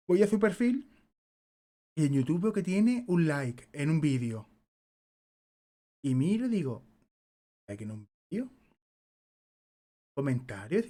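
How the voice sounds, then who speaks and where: A man's voice: fairly high pitch, mellow. Brief: young Spanish-man streaming a game, loose, rambling and swearing. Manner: rambling anecdotes, repeats himself, swears casually. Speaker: gaming streamer. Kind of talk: casual chat while playing.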